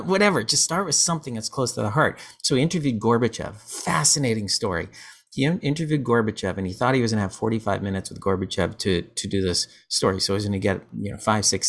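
A man hosting a podcast, telling stories in casual chat, rambling with many restarts. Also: fairly low pitch. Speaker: podcast host.

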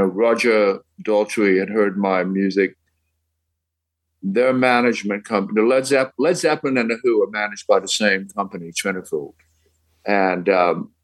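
A man's voice: fairly low pitch, rough recording. An older man from England, a songwriter guest telling long, rambling anecdotes in casual podcast chat, dropping British slang.

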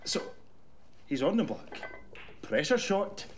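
A exasperated young Scottish mate in a film, telling a slangy tale in disbelief. His fairly high voice leaps around wildly over clear noise. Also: slow pace, exaggerated voice. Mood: confiding. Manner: incredulous, animated, slangy. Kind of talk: film monologue, casual storytelling.

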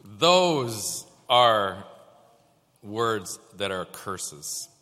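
A man's voice: lowish voice, sing-song, very slow, sharp tone. A man preaching a sermon as pastor, asking the congregation rhetorical questions. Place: church sanctuary. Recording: long reverb of a church hall.

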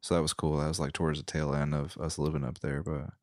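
Deep-voiced relaxed man, dry sound. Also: fast talker, no room sound. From the Carolinas. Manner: relaxed, rambling, full of fillers. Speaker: musician guest. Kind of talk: casual chat.

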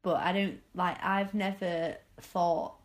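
A woman's voice: lowish voice, little pitch movement, slow pace. A young woman in casual podcast chat, rambling and amused, with plenty of fillers. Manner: chatty, rambling, self-amused, lots of fillers. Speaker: podcast co-host.

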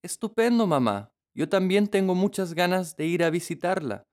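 Guy doing a squeaky sweet little girl, eager and sing-songy, storybook style. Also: expressive, a little slow, a little mellow. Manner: high, eager, sing-song.

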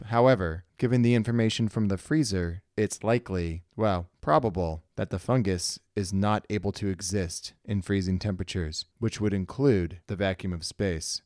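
A man's voice: on the low side, normal speed, few pauses, darkish tone, dry recording, clean studio sound, lightly acted. A man voicing a calculating ship artificial intelligence that speaks in a clipped, analytical way. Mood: calm calculating. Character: calculating ship AI, dry and matter-of-fact.

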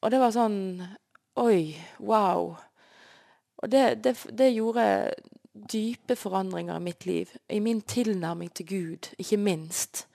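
Woman guest telling her faith story, earnest and heartfelt, with vocal fry. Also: mid-range voice, steady tone, mellow. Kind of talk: personal faith testimony.

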